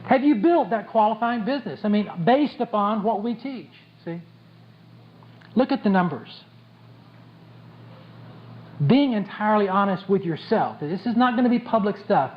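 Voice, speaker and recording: A man's voice: high voice, lively intonation, normal speed, long pauses. Blunt joking man giving a motivational talk. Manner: blunt, joking, repeats key points for emphasis. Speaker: motivational speaker at a sales conference. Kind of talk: motivational speech to an audience. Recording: dull lo-fi tape with faint background noise.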